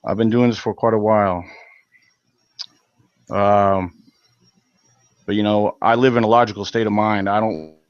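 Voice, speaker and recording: A man's voice: on the low side, fairly even intonation, unhurried, long pauses, clear, resonant tone, no room sound, dull audio. A man hosting a live stream, reading viewer comments aloud and giving blunt, heated opinions, with many fillers and restarts. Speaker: channel host reading live chat.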